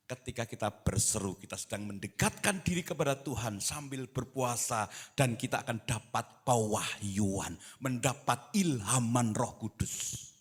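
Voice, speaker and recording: A man preaching a sermon in church, moving between quiet talk and loud, impassioned exhortation. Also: on the low side, breathy edge. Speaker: pastor. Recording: reverberant church hall.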